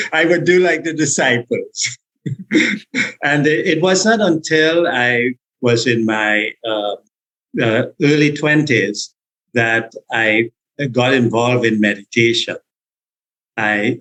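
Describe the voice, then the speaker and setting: A man tells his story in a relaxed interview. He speaks with many hesitations and restarts and breaks into little laughs. His voice sits at a middle pitch for a man. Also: rough recording. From Trinidad and Tobago. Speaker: guest, meditation teacher and health consultant. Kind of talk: conversational interview answers.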